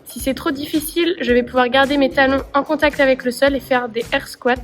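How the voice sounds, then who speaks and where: High-voiced woman coaching a workout. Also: steady tone, a little fast, soft background music. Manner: clear step-by-step demonstrating. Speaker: CrossFit coach. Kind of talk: workout instruction.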